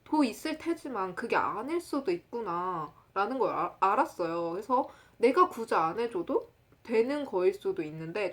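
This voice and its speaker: A woman in her twenties casually telling a personal story to the camera, laughing often and acting out quotes in a loud high voice. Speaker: vlogger.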